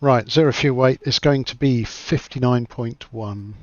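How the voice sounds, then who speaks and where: A man's voice: mid-range voice, a little slow, no room sound. A man with a mid-range voice in a dry, slightly dull recording. He chats casually as a flight sim streamer, thinking aloud and poking fun at himself. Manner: self-deprecating, chatty, thinking aloud. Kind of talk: casual livestream commentary while playing.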